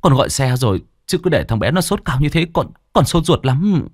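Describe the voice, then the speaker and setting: A man's voice: medium pitch, sing-song, a little fast, no room sound, studio quality, voice pushed up. A man voicing an anxious uncle who stammers with worry. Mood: worried. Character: anxious uncle, young father.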